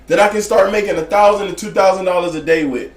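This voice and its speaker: A man's voice: high-pitched, fast talker, reverberant. A man teaching day trading in casual, profane talk, blunt and slangy, often asking if you get what he's saying. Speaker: trading educator.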